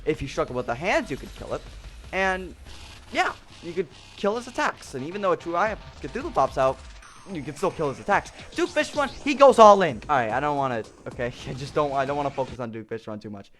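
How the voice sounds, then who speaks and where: A man's voice: a little high, sing-song, brisk, a bit bright, soft background music. A young man casually ranking game bosses at home, rambling with lots of fillers and restarts, a bit out of breath. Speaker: gaming youtuber.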